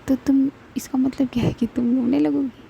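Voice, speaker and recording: A woman voicing a brisk, impatient but tender young woman in a read-aloud love story, in a flat, gravelly voice. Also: sits high, lo-fi sound, a little hiss or hum, voice pushed up. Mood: coaxing.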